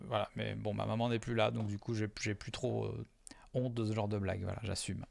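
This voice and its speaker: A man's voice: fairly low pitch, level tone, brisk, vocal fry, a little mellow. A man casually commenting live on his own video, hesitant with lots of fillers and self-mocking jokes.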